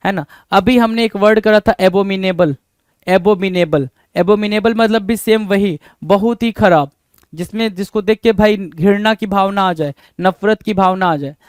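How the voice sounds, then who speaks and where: A high-voiced man teaches exam vocabulary in a clear, smooth tone. He keeps firing rhetorical questions at the class and answering them himself, repeating each key word. His voice sounds close and dry. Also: moderate pace, no echo. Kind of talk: exam-prep vocabulary lesson.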